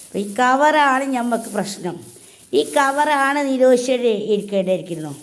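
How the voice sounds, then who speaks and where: A woman's voice: sits high, lively intonation, normal speed. A woman, chatting casually to her viewers in a homely home vlog. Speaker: home vlogger. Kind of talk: casual chat to camera.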